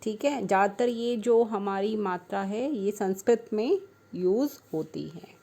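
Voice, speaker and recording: A young woman teaching small children in a patient, unhurried way, breaking words into single sounds. Her voice is mellow and warm, and she speaks slowly. She talks to the children affectionately. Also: medium pitch, vocal fry. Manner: slow, patient, spelling out sounds syllable by syllable; affectionate, calls the children "beta". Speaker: primary school Hindi teacher. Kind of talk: online class lesson for young children.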